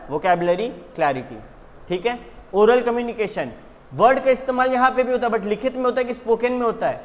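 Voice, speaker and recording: A man with a high voice runs an exam revision lecture, firing questions at his students and answering them himself. His speech trails off into a long, reverberant tail. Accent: Indian English words. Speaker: teacher.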